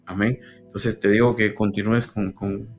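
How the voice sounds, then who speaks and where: Guatemalan man, low earnest voice, faint music underneath; faith talk co-host. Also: level tone. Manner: earnest, halting. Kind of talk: religious discussion.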